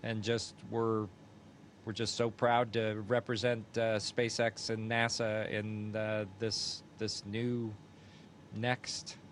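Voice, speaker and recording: Even-toned man astronaut on a downlink. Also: slow pace. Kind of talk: unscripted recounting in a live downlink event. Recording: space downlink with faint rumbling noise.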